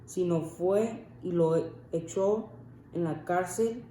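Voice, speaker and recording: Student reading bible verses real slow, stumbles a lot, mellow voice in an echoey room. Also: medium pitch. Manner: halting reading with stumbles and restarts. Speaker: scripture reader in class. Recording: echoey room with faint noise.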